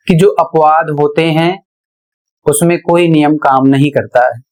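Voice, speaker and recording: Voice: medium pitch, darkish tone, poor audio. A teacher with a Hindi accent, giving a pronunciation lesson, spelling out words letter by letter and then reading them aloud. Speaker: English teacher.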